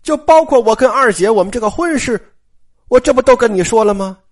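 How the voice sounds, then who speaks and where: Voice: medium pitch, animated, a little fast, lightly acted. A storyteller doing a brash scheming nobleman. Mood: confronting.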